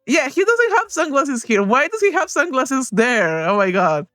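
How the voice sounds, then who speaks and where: An excitable woman streams a game, giggling and swearing as she reacts, her voice high and bouncing all over the place. The mic is dry and close, with faint game music behind her. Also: moderate pace, dry recording. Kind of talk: gaming stream commentary.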